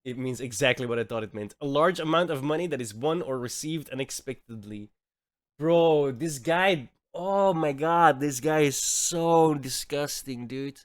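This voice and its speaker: This voice is on the high side and fairly bright, recorded with clean studio sound and no room echo. He's from Belgium, speaks Dutch natively with a Belgian Dutch accent, and delivers heated reaction commentary on a stream clip, swearing frequently.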